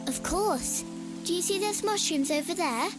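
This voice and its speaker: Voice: very high voice, expressive, normal speed, over music. A performer voicing an innocent, dreamy little girl in a video game, eager and wide-eyed. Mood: eager, wondering. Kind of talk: dramatic video game voice acting.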